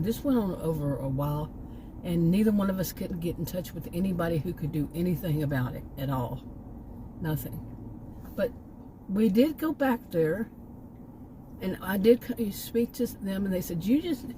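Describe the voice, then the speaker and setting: A middle-aged woman from Texas, speaking with a Texan accent, vlogs casually from a car parked by a park. Exasperated and emphatic, she rambles through a story about a bad experience with plenty of asides. Her voice is on the low side, and there is background noise.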